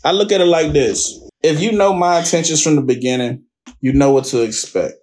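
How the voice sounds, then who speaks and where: A man's voice: on the high side, brisk, darkish tone. A man co-hosting a casual chat podcast, blunt and playful, speaking with emphasis. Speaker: podcast co-host.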